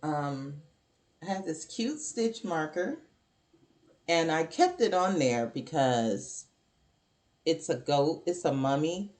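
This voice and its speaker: Low-pitched, unhurried woman host, chatty and apologetic, echoey home room. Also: expressive, a little mellow. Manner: chatty, apologetic, rambling with ums and restarts. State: hiccups. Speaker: knitting podcast host. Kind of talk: casual show-and-tell chat.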